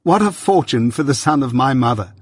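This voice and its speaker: Reading aloud, a man brings to life an affectionate young Victorian gentleman addressing his friend eagerly and cordially in a bright, raised voice. His mid-range delivery is expressive, brisk and husky, captured in a clean studio with no echo.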